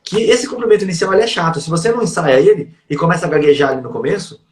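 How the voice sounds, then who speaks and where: A man with a Brazilian Portuguese accent, hosting a podcast and sharing practical anecdotes quickly. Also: fairly high pitch. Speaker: podcast host, criminal lawyer. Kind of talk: podcast conversation. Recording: roomy echo.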